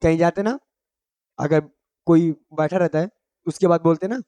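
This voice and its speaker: A man's voice: a little high, normal speed, warm tone, clear, resonant tone, dry recording. A man teaching everyday English phrases, repeating each phrase and quizzing the listener. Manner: drills each phrase with repeated quiz questions; simple, homely explanations. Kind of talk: Hindi-language English lesson.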